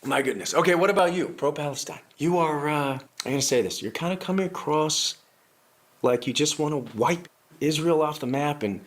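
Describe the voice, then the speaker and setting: A man's voice: a little high, animated, moderate pace. Sarcastic man in a comedy sketch. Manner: sarcastic, mock-earnest, breaks into laughter. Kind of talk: satirical sketch acting.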